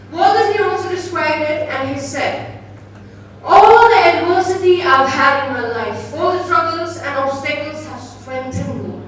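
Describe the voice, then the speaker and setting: A woman's voice: high voice, a bit bright. A teenage woman with an Indian accent delivers a rehearsed declamation with precise, emphatic, theatrical elocution. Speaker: declamation contest participant. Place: large echoing hall. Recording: echoey hall, distant mic, faint noise.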